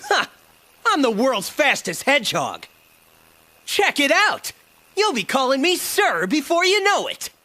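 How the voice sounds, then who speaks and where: A man's voice: very high-pitched, wildly swooping pitch, unhurried, bright, forceful tone, slight background noise, full character voice. An actor voicing a cocky young male hedgehog hero in a video game, flippant and impatient, full of casual slang. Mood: confident. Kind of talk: video game cutscene acting.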